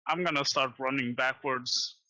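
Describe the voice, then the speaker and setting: A male player in a tabletop game casually explains his character's moves. His voice is very bright and tense, sitting in a middle pitch. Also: steady tone, normal speed, low-quality recording.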